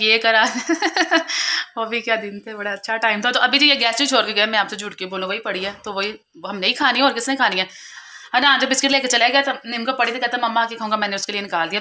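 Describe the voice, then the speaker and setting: A young woman, chatting casually and confidingly to camera at home, quick to laugh. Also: fairly high pitch, pushed and bright, slight background noise. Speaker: vlogger.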